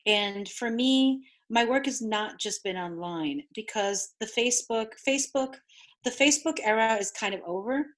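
A woman whose first language is Spanish, hosting a conversation as a business coach and telling lively stories. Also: fairly high pitch, moderate pace. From New York City. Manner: animated storyteller, acts out quoted voices. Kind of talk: conversational interview.

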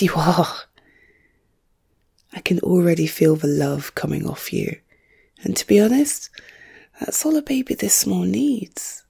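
A woman speaking in soft, hushed whispers, gently reassuring as she plays a visiting friend in an ASMR roleplay. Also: low voice, vocal fry, slightly rough. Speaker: ASMR creator.

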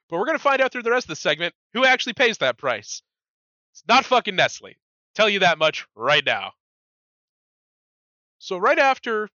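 Bright-voiced, profane podcast host. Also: male voice, fairly high pitch, no room sound, muffled recording. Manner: profane, wry, jokey narration. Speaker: podcast host presenting a segment. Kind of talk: casual podcast chat.

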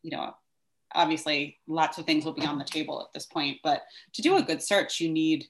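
Low-voiced chatty woman, thinking aloud. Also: brisk, slight background noise. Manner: laughs lightly while talking. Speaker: vice mayor, co-host. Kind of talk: casual civic discussion.

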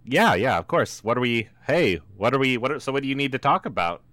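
The game master puts on a robot voice for an easygoing male robot crewmate, chummy and unbothered. The pitch swings a lot as it talks. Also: big pitch swings, quick pace, a bit bright, no echo. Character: laid-back friendly male robot crewmate.

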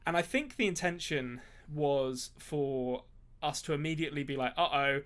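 A man co-hosting a casual movie podcast, his voice sitting a little high. He rambles through his points with plenty of ums and restarts, dropping dry asides along the way. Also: moderate pace. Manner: rambling, filler-heavy, dry jokes. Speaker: podcast co-host.

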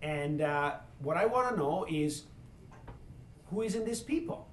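A university professor who immigrated from abroad speaks with a strong foreign accent, halting as he hunts for words while hosting a panel and taking audience questions. His voice is on the high side and expressive, picked up by a distant mic in an echoey room with faint noise.

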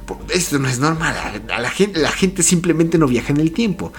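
Guy putting on a panicky teenage girl, stammers a lot, spanish, kinda higher voice. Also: expressive, normal speed, faint music behind. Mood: flustered. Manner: stammering, breathless rush of questions.

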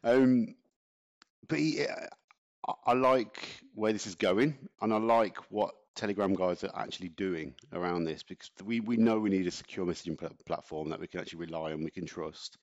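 A very deep-voiced man co-hosting a podcast, chatting and ranting in a loose, easygoing way. His lo-fi home recording has a dull, muffled sound. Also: normal speed. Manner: chatty, ranting, laughs often. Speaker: podcast co-host. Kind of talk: casual chat.

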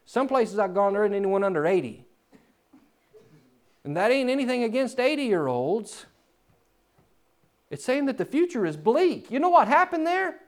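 A man preaching a sermon in a church, swinging from loud, climbing emphasis to quiet, low asides. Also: very animated, normal speed, long pauses.

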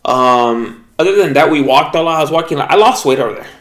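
A man's voice: fairly high pitch, expressive, brisk, a bit bright. A young man co-hosting a podcast, telling loose, profane travel stories in casual chat and acting out the people he quotes. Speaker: podcast co-host. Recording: echoey room.

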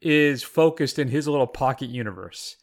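Medium-pitched man, casual podcast co-host. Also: expressive, moderate pace. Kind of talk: casual film discussion chat.

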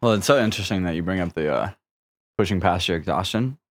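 Young man, very deep voice, casual rambling podcast chat, heavy on fillers and swearing. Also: animated, quick pace. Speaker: podcast co-host.

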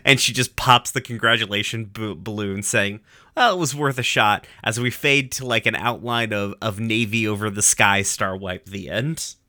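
Young guy rambling thru a cartoon recap, swears a lot, sharp bright voice, dead dry sound. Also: on the low side, steady tone, normal speed, hardly any pauses, dry recording. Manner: profane, rambling, with lots of fillers. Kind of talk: casual episode recap.

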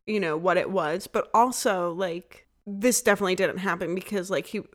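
A woman's voice: fairly low pitch, normal speed. A young woman co-hosting a podcast in casual chat, with a slight lisp, rambling with many fillers. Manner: rambling, lots of "like" fillers, self-described lisp. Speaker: podcast co-host.

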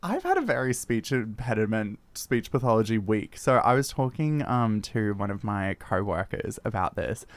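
A young man hosting a podcast, telling stories in a relaxed, chatty way and laughing often. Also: fairly low pitch, normal speed, hardly any pauses, no room sound. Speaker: podcast host. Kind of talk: casual podcast chat.

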